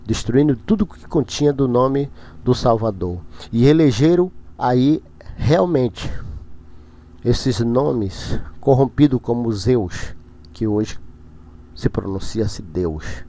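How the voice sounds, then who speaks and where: A man delivers a preachy monologue to the viewers of his own religious channel. His warm, mid-range voice comes out haltingly, with repeated words and sudden emphatic bursts.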